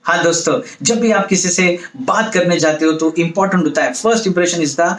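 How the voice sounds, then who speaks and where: A man's voice: sits high, normal speed, fairly bright tone, echoey room. A male business coach giving an emphatic motivational lecture, asking the audience rhetorical questions.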